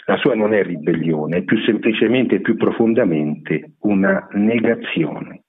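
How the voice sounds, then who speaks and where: A man giving a measured, explanatory radio lecture on literature. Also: lowish voice, slightly rough. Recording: narrow phone-like radio broadcast.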